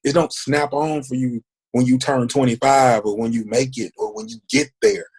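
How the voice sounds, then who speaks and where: Podcast guest, male, 40s, middle pitch, earnest and emphatic, casual conversation. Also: expressive, moderate pace, creaky, darkish tone, slightly rough.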